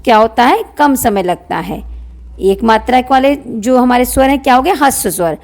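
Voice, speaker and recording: Woman teacher going over grammar slowly, kinda high voice that swings up and down, keeps asking then answering herself. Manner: slow and lively, asks questions and answers them herself; drawn-out demonstration vowels. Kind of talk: classroom-style grammar lesson.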